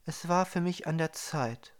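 A man voicing a calm, gentle female spirit who guards a star, speaking in a soft, measured way. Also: on the high side, voice pushed up, natural voice. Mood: serene.

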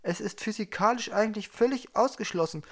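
A man voicing an excitable young female starship technician who speaks quickly and emphatically. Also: high voice, voice pushed up. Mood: emphatic.

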